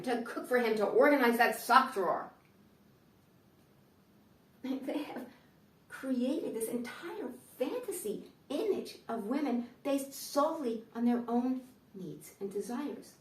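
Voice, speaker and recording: An American woman doing a stand-up comedy monologue with a dry, sardonic delivery and playful asides. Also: a little high. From United States. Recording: echoey room, voice from far off mic.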